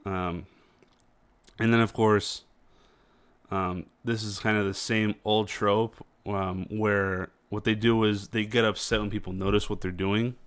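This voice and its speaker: A man hosting casual political commentary, talking in a halting way with many fillers and restarts. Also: lowish voice, steady tone, clean tone, no echo.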